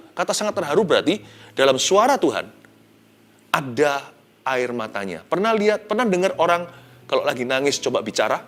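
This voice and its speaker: A male pastor, giving an expressive devotional sermon that swings from hushed to loud and mixes in English phrases. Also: a little high. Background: soft background music.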